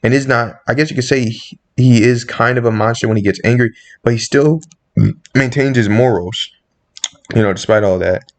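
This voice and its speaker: A man's voice: medium pitch, moderate pace. Male commentator, casual monologue, passionate and indignant in tone. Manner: impassioned, rising sharply when indignant. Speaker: comics commentator.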